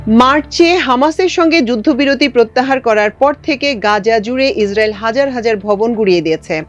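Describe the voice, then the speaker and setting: A woman presenting international news, reading a script in a measured, formal way. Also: fairly high pitch, faint music behind. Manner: measured formal newsreader delivery.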